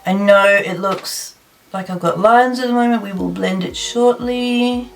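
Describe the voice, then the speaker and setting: A South African woman in her thirties, a beauty vlogger, chats and thinks aloud while doing her makeup in a get-ready-with-me video. Her mid-range voice moves a little slowly, recorded in a plain indoor room with slight background noise.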